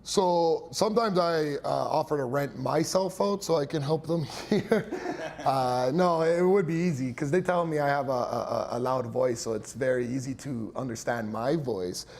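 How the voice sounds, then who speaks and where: In an explanatory interview, a young hearing care professional of Italian heritage describes his clinic chattily, sprinkling in fillers and small laughs. He talks at a normal speed with few pauses, in a medium-pitched, darkish voice with vocal fry.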